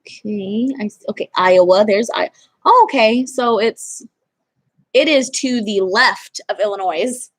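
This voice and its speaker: A young woman with a mid-range voice speaks a little slowly in a casual vlog chat. She rambles and keeps interrupting herself mid-sentence.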